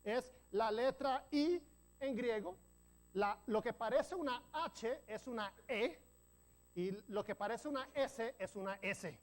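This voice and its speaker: A male pastor preaching a sermon in a teaching manner, checking in with the congregation, with joking asides and quick self-corrections. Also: extremely high pitch, animated.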